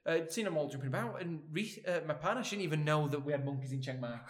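A man hosts a casual podcast chat in a fairly high voice. He talks very fast, rambling along and doubling back on his phrases. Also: animated. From Britain. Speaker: podcast host. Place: big open lounge, indoors.

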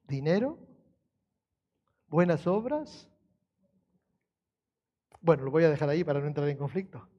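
A man preaching a sermon in a conversational way, asking the congregation questions and quoting scripture, moving between quiet storytelling and raised, emphatic passages. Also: fairly high pitch, big pitch swings, unhurried, pauses often, muffled recording. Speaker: pastor.

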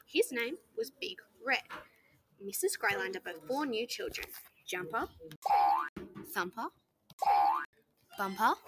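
A woman reading a children's picture book aloud, gently asking the listener questions along the way. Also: fairly high pitch, heavy background noise.

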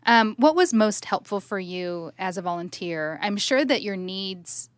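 A woman's voice: mid-range voice, animated, a little slow, dry recording. A woman hosting a casual church interview, asking questions and affirming often with short agreements. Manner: affirming, lots of backchannel agreement. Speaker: church podcast host.

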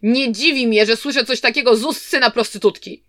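A woman's voice: mid-range voice, moderate pace, a bit bright, dry recording, studio quality, close to an everyday voice. A woman voicing a stern, hot-tempered elder warrior brother who speaks bluntly and scornfully.

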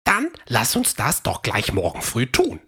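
A woman voicing Fred, a fast, eager male dinosaur runner in a children's audio story, in a high, excited voice. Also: slightly rough, exaggerated voice.

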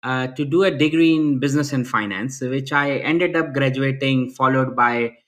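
Speaking at a moderate pace in a medium-pitched, fairly bright voice, this guest from Pakistan responds to an interviewer on a video call. His answers are earnest, full of restarted phrases, and often capped with "right?".

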